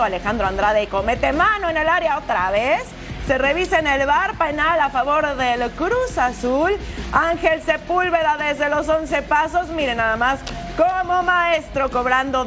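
A woman hosting a sports show, narrating match highlights with playful, chatty asides. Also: a bit bright.

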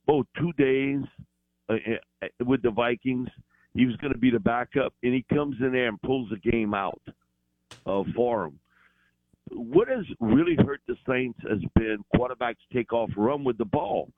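A man calling in as a football analyst, talking in an animated, rambling way with fillers over a phone line. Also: mid-range voice, normal speed, creaky, no echo.

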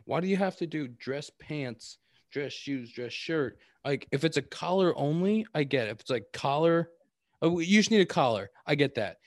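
A man in casual podcast chat who talks haltingly and circles back over his words. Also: fairly high pitch, animated, no echo, clean studio sound. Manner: halting, repeats himself. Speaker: professional baseball player.

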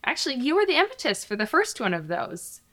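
A woman in her thirties hosting a podcast, talking in a chatty, upbeat way with direct appeals to listeners and a relaxed chat with her child. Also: sits high, fairly quick, no echo. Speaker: podcast host.

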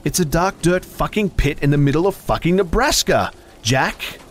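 A man voicing an angry, drunk young woman who yells and taunts. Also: lowish voice, animated, drawn-out words, slight background noise, pitched above the performer's own voice, full character voice. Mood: taunting, yelling. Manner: yelling, taunting.

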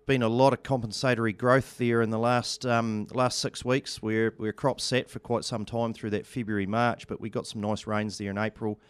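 A New Zealand man speaking as a studio guest in a casual radio interview, with halting, understated, colloquial delivery. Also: medium pitch, little pitch movement, clear, resonant tone, no room sound. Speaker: studio guest, agricultural seed company representative.

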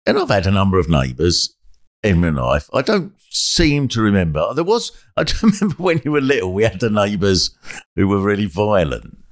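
Lively older man telling stories. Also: lowish voice, normal speed. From England. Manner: animated, acts out quotes in sudden loud voices. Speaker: comedian host. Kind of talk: casual comic storytelling.

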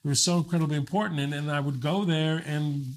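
A man's voice: on the high side, fairly even intonation, fast. Man, comedian, casual storytelling, profane, filler-heavy. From American. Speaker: stand-up comedian guest. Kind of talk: casual podcast chat.

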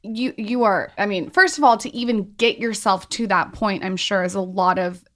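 A woman's voice: mid-range voice, moderate pace, a bit bright. A woman hosting a podcast interview, asking long, chatty, rambling questions. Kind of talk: casual interview.

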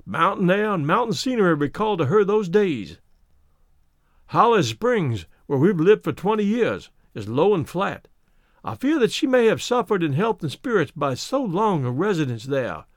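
Courtly old colonel, played by a man, ornate formal speech, lively rising tone, dry sound. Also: high-pitched, no echo.

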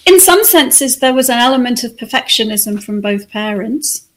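A woman from England, reflecting on her life as an interview guest in a soft, thoughtful way. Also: on the high side, expressive, moderate pace, slight background noise. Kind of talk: conversational interview.

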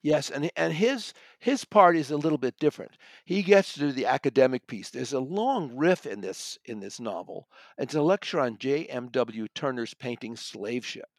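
With lively intonation at a normal speed, a male audiobook reviewer and magazine contributor chats thoughtfully and with emphasis, often stopping to correct himself. His mid-range voice is captured at studio quality with no echo.

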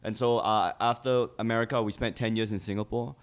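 A man from Malaysia in his thirties chats as a guest on a podcast. His voice sits fairly low, and he rambles loosely through his stories, circling back with fillers and false starts. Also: fairly even intonation, fairly quick, smooth. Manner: rambling storyteller with many fillers and restarts. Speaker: guest comedian. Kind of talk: casual podcast interview.

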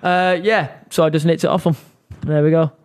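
A man's voice: a little high, fairly even intonation, brisk. A man hosting a casual podcast chat. He swears freely, laughs often and keeps up a teasing banter with his guest. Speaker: podcast host and studio boss.

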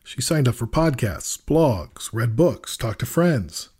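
A man's voice: medium pitch, lively intonation, slow, darkish tone, husky. A man hosting a podcast, reading narration and chatting with his guests in a blunt, encouraging way. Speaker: podcast host. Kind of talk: scripted narration and interview chat.

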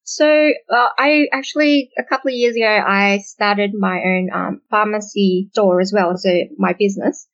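A woman from Australia in her late twenties or thirties, chatting as an interview guest in a relaxed, hesitant way with many ums. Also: mid-range voice, normal speed, hardly any pauses. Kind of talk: casual interview chat. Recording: muffled, dull audio.

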